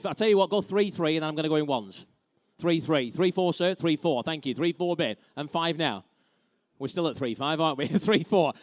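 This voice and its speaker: Male auctioneer, British accent. Slightly high register, dry sound, brisk repeated bid calls, chatty with the room. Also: no room sound. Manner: brisk, informal banter with bidders. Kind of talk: live auction calling, repeated bid chants. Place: auction saleroom with live bidders.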